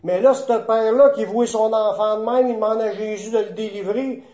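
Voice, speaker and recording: A man's voice: high-pitched, normal speed, dark tone, echoey room, highs cut off. A man with a Quebec French accent preaching a sermon, emphatic and repeating key phrases for weight.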